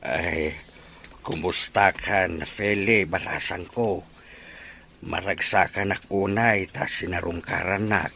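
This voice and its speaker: A man acting a frail old Ilocano father in an audio drama, grateful and gravelly. His Filipino-accented voice is low and slow, with faint noise behind it. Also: fairly even intonation, sharp tone, exaggerated voice. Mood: weak, grateful.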